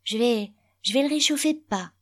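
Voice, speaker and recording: A woman's voice: normal speed, natural voice. A woman doing a frightened little boy. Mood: timid answering. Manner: high, trembling, pleading. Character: frightened small boy, pleading and timid. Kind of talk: storybook reading.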